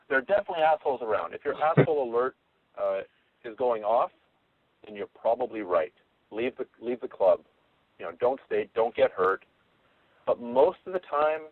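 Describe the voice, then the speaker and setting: A man's voice: medium pitch, no room sound. Easygoing man on a dry phone line. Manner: frank, easygoing, loose phrasing. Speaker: interview guest, martial arts instructor. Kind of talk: casual interview talk.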